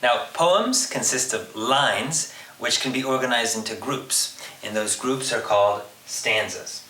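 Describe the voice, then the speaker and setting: Bright-voiced male teacher, talks straight to students, a little far from the mic in a roomy space. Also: medium pitch, unhurried. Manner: explanatory, addresses students directly with prompts. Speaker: literature teacher. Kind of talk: recorded video lesson. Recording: roomy, off-mic, faint hiss.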